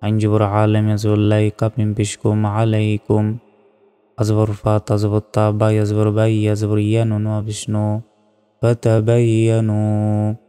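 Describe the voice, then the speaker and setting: A man teaching Quran reading, methodically spelling out each syllable and then reciting the verses in slow, drawn-out phrases. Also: lowish voice, completely flat delivery, dark tone, clean tone. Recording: long reverb, faint background music.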